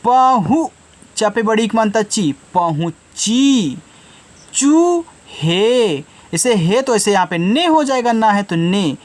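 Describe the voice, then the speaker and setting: A man teaching children to read, breaking each word into its syllables before saying it whole. He speaks very slowly and deliberately, with frequent gentle prompts to the children. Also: sits high, lively intonation. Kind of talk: slow Hindi reading lesson for children.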